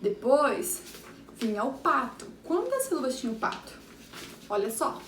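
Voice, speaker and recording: A woman's voice: high-pitched, very animated, measured pace. A Brazilian woman, a primary school teacher, reviewing a lesson for young children and sounding out words syllable by syllable. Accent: Brazilian Portuguese. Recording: echoey room, far from the mic, faint background hum.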